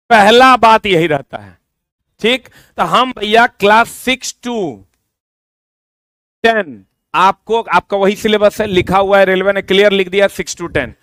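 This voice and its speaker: Male coaching teacher, middle-aged, high smooth voice, dry close sound, informal repetitive talk. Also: fairly bright tone, no room sound. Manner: informal, repetitive, addresses students directly. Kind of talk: promotional explanation to exam students.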